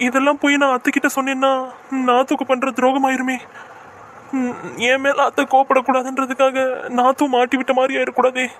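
A woman voicing a kind, patient young daughter-in-law in a cartoon, pleading and soft-spoken. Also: sits high, monotone, a little fast, a little hiss or hum. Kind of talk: cartoon voice acting.

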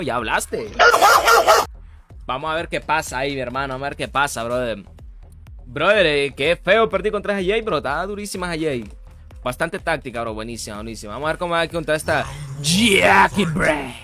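A man giving live commentary on his gameplay as a streamer, greeting viewers and reacting with excitable, repetitive banter and sudden outbursts. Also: medium pitch. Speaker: gaming streamer.

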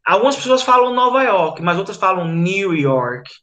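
A Brazilian man with a high, bright voice teaches an online English lesson. He talks in a chatty, explanatory way and keeps checking that the class is following. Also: sing-song, normal speed. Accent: Brazilian Portuguese, from Rio Grande do Norte.

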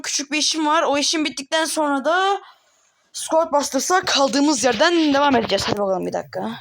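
A man's voice: extremely high pitch, fairly bright tone. A man giving casual gameplay commentary, playful and exaggerated, joking and trash-talking his opponents. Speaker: gaming video host.

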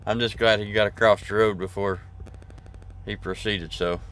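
Easygoing trucker talking low. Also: male voice, steady tone, normal speed, a bit bright, slight background noise. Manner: rambling, easygoing, drawls, many fillers and restarts. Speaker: trucker vlogger. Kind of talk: casual vlog chat to camera. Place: parked truck cab. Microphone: camera at arm's length.

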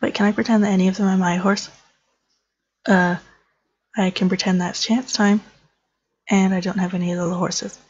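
A woman's voice: mid-range voice, level tone, normal speed, long pauses, darkish tone, slightly rough, lo-fi sound. A woman giving chatty, amused gameplay commentary, talking to herself as she plays. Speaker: let's player.

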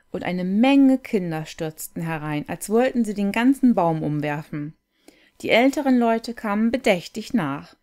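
Woman, storybook reader, gentle and unhurried, calm contemplative read-aloud. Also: fairly low pitch. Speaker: reader of a fairy tale.

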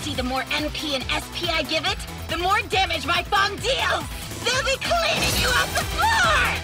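A woman's voice: very high-pitched, lively intonation, moderate pace. A woman playing a cocky, boastful girl fighter who taunts gleefully in an anime dub. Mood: gleeful taunting. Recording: loud background music.

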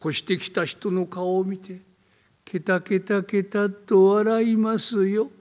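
An older man from Tokyo, playing a meek, polite old male landlord in a comic storytelling act, deferential and telling ghost tales slowly. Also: sits high, level tone, a little mellow, big-room sound. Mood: eerie, slow. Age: 70s. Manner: timid, deferential, slow eerie storytelling. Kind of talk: rakugo storytelling.

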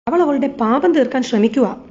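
A woman's voice: high voice, animated, normal speed, mellow. Scheming mother-in-law, as a woman reads her. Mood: scornful. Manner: scornful, sneering. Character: scheming scornful middle-aged mother-in-law. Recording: slightly dull lo-fi recording.

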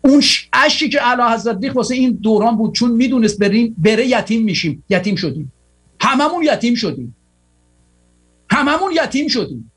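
A man's voice: very high-pitched, big pitch swings, fairly bright tone, slightly rough. A tired man hosting a political broadcast, giving a fervent, rallying monologue full of repeated exhortations.

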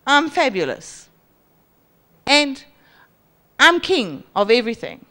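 A woman in her forties with a South African accent, preaching a sermon on a church stage into a handheld mic and mimicking boastful people. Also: slow pace. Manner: lively, acts out boastful voices with high pitch jumps. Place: large church hall stage.

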